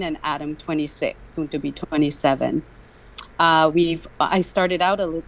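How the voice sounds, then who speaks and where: A woman's voice: low voice, slight background noise, rough recording. A woman in her fifties, from Guyana, chatting as a guest on an interview show with frequent ums. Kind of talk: casual interview talk.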